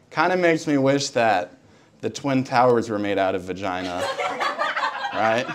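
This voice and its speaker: A man's voice: medium pitch, slight background noise. Young guy vlogging in his car at night, crude jokey recap of his set, phone held out. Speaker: comedian vlogging an open mic night. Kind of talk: casual vlog chat. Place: bar, then parked car at night. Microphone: handheld camera at arm's length.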